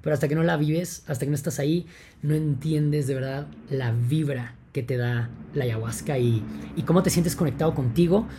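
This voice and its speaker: A young man with a Mexican accent, talking casually to his podcast listeners in an excited, rambling way with lots of fillers. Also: a little high, normal speed, slight background noise. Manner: enthusiastic, rambling, many fillers like "entonces" and "o sea". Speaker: podcast host.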